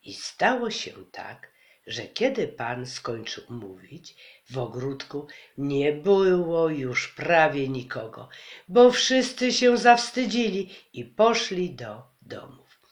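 A man reading a children's story aloud with expressive, dramatic storytelling. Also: fairly high pitch, takes it slowly. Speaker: narrator.

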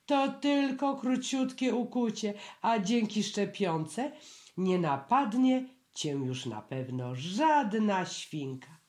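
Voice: mid-range voice, lively intonation, slow, darkish tone, pitched above the performer's own voice. A storybook reader voicing a kind young boy who explains things patiently and reassuringly.

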